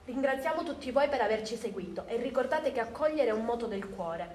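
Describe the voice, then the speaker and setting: A young woman, a student presenter, announcing from a script in a clear, composed way. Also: on the high side, lively intonation, brisk, darkish tone. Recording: roomy with faint background noise.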